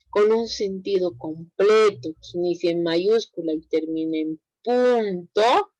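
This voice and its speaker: A woman teacher gives an online language lesson, explaining at a deliberately slow pace. She keeps checking that students follow. Her voice sounds dry and close, with no room around it. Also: medium pitch, darkish tone, no echo, low-quality recording. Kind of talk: online class lecture.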